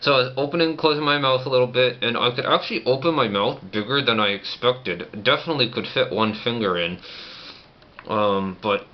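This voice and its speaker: A man's voice: medium pitch, a little fast. A man chatting casually in a personal vlog, talking through teeth held together by a banded-shut jaw. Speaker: vlogger. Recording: muffled lo-fi audio, clear background noise.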